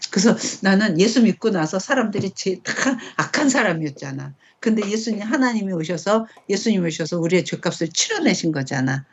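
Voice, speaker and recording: A middle-aged woman leading a casual Bible study. She talks in a conversational way and often checks in with quick rhetorical questions. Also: medium pitch, expressive, lo-fi sound.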